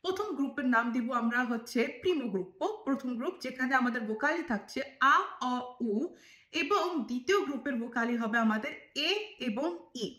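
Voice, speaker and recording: A woman's voice: high-pitched, lively intonation, a little fast, a bit bright, reverberant. A woman teaching Italian pronunciation, drilling letters and syllables one at a time. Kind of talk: pronunciation lesson.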